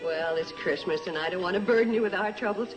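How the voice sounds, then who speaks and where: An actress playing a kindly, practical, harried country innkeeper in a 1960s television sitcom. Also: female voice, on the low side, fast talker, lightly acted. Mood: kindly, subdued. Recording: echoey soundtrack with music and crowd.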